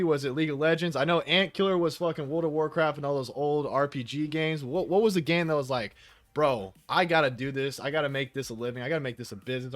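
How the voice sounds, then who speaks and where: Guy hosting a casual podcast, talks really fast, hyped and slangy, cusses a lot, dry sound. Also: fairly high pitch, fairly bright tone, no room sound. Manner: informal, profane, slangy, enthusiastic. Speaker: podcast host.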